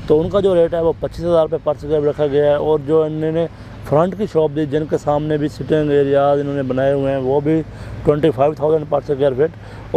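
A man's voice: a little high, slight background noise, low-quality recording. Pakistani man briefing on property prices. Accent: Pakistani Urdu. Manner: steady explanatory delivery, listing prices and figures. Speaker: real estate agent presenting a project. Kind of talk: informational property walkthrough. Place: outdoor park bench by a road.

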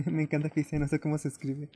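A man's voice: on the high side, little pitch movement, fast talker, dark tone, husky. A man with a Latin American Spanish accent giving casual, hesitant, self-doubting commentary as he streams a video game.

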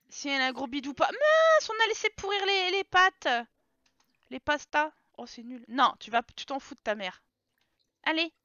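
A woman's voice: sits high, pushed and bright, smooth, no echo, muffled recording. A woman streaming a life-sim game from home, chatting casually and talking to her game characters. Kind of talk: casual live gameplay commentary.

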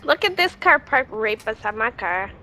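A woman playing an online shooter and chatting casually with friends, blurting out profane, excitable remarks. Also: a little high, normal speed. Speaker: gamer in voice chat. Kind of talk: casual gaming chat.

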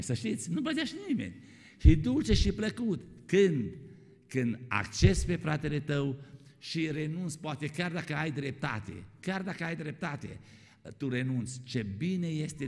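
A man with a medium-pitched, somewhat dark voice preaches in a church hall, the sound trailing off in long reverb. He keeps addressing listeners as "my dear ones" and puts questions to the congregation.

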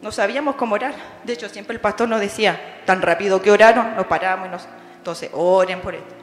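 A woman's voice: medium pitch, fast. Chilean accent, woman, middle-aged, heartfelt and emotional, testimony to a congregation, long hall reverb. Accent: Chilean Spanish. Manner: heartfelt, emotional, calls listeners "hermano". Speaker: bereaved daughter giving testimony. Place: church hall. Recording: echoey church hall with faint music.

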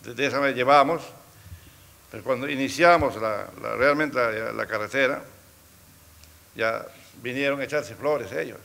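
A man's voice: mid-range voice, moderate pace, vocal fry, pauses often, pushed and bright. A middle-aged man, recounting events in casual talk and often repeating words as he goes. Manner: storytelling, quoting others, repeats words. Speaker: community road committee president. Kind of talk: casual spoken recollection.

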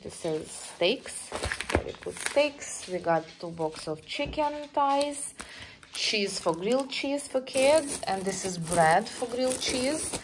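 A woman who is not a native English speaker, casually showing a grocery haul in her kitchen and listing the items with many pauses and ums. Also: on the high side, animated, noisy background. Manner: listing items slowly with many ums, second-language grammar. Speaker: vlogger. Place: home kitchen, indoors.

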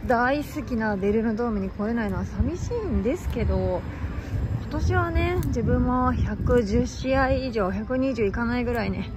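A woman's voice: on the high side, expressive, moderate pace, background noise. A woman vlogger telling stories casually and animatedly, often exclaiming and laughing at herself. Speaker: baseball fan vlogger. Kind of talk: casual storytelling vlog.

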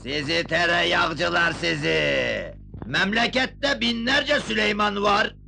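An actor playing a jovial village hero who jokes, laughs and talks in playful rhymes. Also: male voice, high-pitched, steady tone, slow, gravelly, pushed and bright, soft background music, heavily acted. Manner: joking, laughing, rhyming speech.

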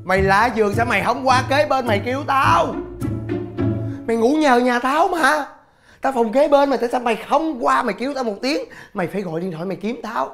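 A man's voice: very high-pitched, brisk, gravelly. An actor playing a fed-up young man who scolds his friend in exasperated rants. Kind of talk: scripted comedy sketch acting. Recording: music score and crowd noise behind.

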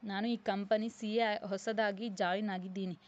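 An earnest young man who is new at the company speaks calmly and reassuringly in a storybook reading, as a woman narrator puts him on. The voice sits at a middling pitch. The recording is slightly dull and lo-fi. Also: unhurried, lightly acted.

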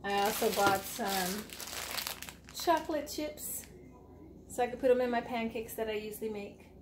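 Speaking at a normal speed in a slightly high voice, a woman in her forties chats cheerfully with her viewers during a casual grocery haul vlog. She films at arm's length in her home kitchen, which echoes and has faint room noise.

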